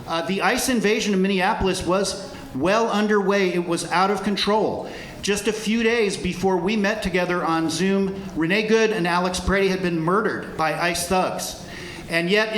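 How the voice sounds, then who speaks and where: With a high, fairly bright voice, a middle-aged volunteer addresses a live concert crowd, thanking them earnestly and firing them up between many filler words. The big room echoes with crowd murmur, and a little hiss or hum is present.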